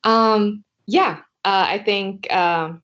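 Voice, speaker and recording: A woman's voice: medium pitch, drawn-out words, a bit bright. A young woman from Vietnam, a podcast guest, speaking in a hesitant way with many filler words and restarts. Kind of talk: casual interview chat. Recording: dull lo-fi sound.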